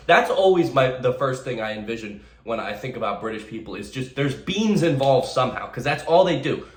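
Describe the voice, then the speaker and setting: A man's voice: mid-range voice, reverberant. A man giving casual, sarcastic comedic commentary while reacting to memes, often stammering and repeating himself.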